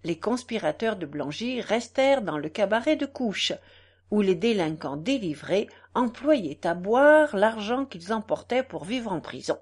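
Sex: woman. Role: audiobook narrator. Style: scripted narration of a classic novel. Delivery: expressive, measured, lively pitch. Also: breathy edge.

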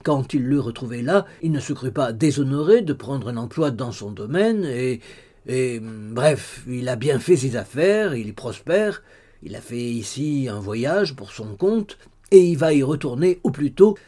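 A man's voice: mid-range voice, expressive, a little slow, dark tone. A man reading the lines of an earnest young man explaining his plans to his father in an audiobook. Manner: earnest, persuasive.

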